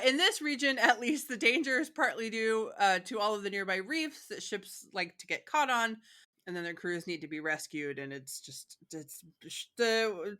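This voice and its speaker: A bright-toned woman from Michigan hosts a podcast, chatting casually with a co-host. She talks freely, laughs often and fills pauses with "um" and "like". Her voice has a clear, forward edge. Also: mid-range voice. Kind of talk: casual chat.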